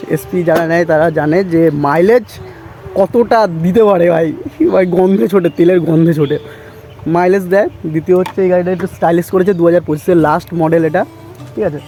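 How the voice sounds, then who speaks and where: A man's voice: high voice, a little fast, darkish tone. A young man vlogging casually to his viewers, telling a story in a chatty way and often calling them brother. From West Bengal, India. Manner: chatty, keeps saying "bhai" and "thik ache". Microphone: handheld camera, self-filmed.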